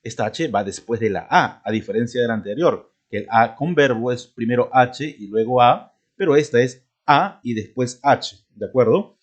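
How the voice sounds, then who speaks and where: A man's voice: mid-range voice, expressive, moderate pace, highs cut off. A man teaching a spelling lesson to students, checking often whether they follow. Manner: addresses students, checks with frequent "¿de acuerdo?" and "¿no?".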